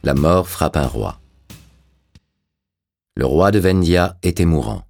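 A man reading a dark fantasy audiobook aloud in a measured, dramatic way. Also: low-pitched, expressive, gravelly, faint music behind. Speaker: audiobook narrator. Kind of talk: scripted audiobook narration.

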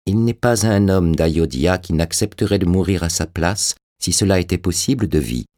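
A man voicing a devoted old court minister who speaks gravely and solemnly. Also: low-pitched, animated, moderate pace, a little mellow.

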